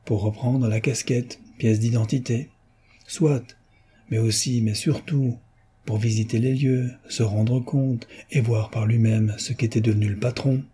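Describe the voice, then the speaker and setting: A man's voice: mid-range voice, fairly even intonation, a little slow, dark tone, slightly rough. A man voicing an eager young amateur detective, insistent and fervent, in a storybook reading. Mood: reasoning.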